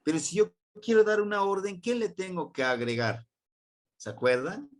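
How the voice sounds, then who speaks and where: A man with a Mexican Spanish accent teaching a language class, repeating words slowly and quizzing his students. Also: high voice, sing-song. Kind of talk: classroom grammar lesson.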